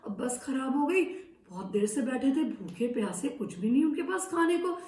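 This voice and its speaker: A woman telling a children's story in a lively, expressive, playful way. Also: high-pitched, normal speed. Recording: echoey room from a distance.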